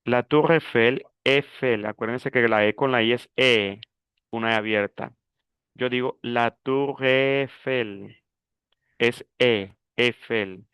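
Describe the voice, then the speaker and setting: A man teaching a beginner French class in Spanish, explaining slowly and mixing in French words. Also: medium pitch, fairly bright tone, clean tone, no echo. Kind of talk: online language class.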